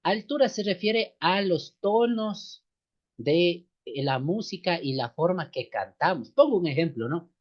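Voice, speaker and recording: A man's voice: high-pitched, expressive, unhurried. A man with a slight cold teaching a church music lesson, explaining step by step and calling his listeners sisters and brothers. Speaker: seminary teacher. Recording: dull lo-fi recording.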